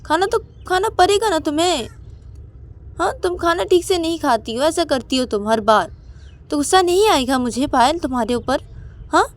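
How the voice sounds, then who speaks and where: A woman's voice: high-pitched, animated, normal speed, voice pushed up. A woman voicing a young woman who scolds and coaxes her partner, tagging her lines with questions. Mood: scolding. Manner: nagging, ends lines with questioning "haan?".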